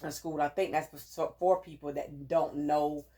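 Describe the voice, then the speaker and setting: A woman with a notably deep voice talks in a relaxed conversation. She explains her view calmly and patiently, stepping in with quiet agreement now and then. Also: moderate pace. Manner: calm, explanatory, many backchannels. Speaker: co-host. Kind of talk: casual chat.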